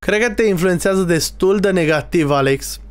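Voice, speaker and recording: High-voiced excitable young man gaming. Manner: excitable, teasing, talks to viewers and players. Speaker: streamer playing a Minecraft role-play server. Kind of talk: casual gaming commentary.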